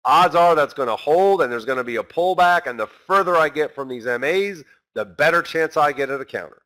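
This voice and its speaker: Guy teaching trading, bright forceful voice, animated, talks right to the viewers and acts out what traders think. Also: on the high side, a little fast. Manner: talks straight to the viewers as guys. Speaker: trading instructor. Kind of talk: recorded trading lesson.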